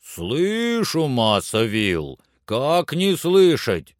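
Old servant guy, wary and grumbling, man putting it on, slow, dry close mic. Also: mid-range voice, huge pitch swings, dry recording, pitched above the performer's own voice, heavily acted. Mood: plaintive. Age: older. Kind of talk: audiobook character voice.

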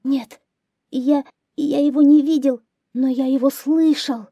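A woman voicing a timid little male grey hare in a storybook reading, with a high, shaky, frightened voice. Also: steady tone, slow pace, warm tone, dry recording, highs cut off.

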